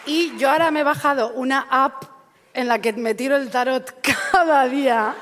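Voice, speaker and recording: A young woman from co-hosting a podcast, teasing and interjecting quickly in casual chat. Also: sits high, a bit bright, some chatter behind. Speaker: podcast co-host. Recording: long hall reverb, faint noise.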